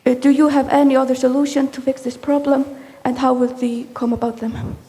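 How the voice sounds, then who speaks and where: A woman's voice: high-pitched, level tone, fairly quick, mellow. Earnest young woman from Iceland, hall. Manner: earnest, with fillers and small slips. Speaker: audience questioner. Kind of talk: reading a prepared question at a round table. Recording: long reverb of a large hall.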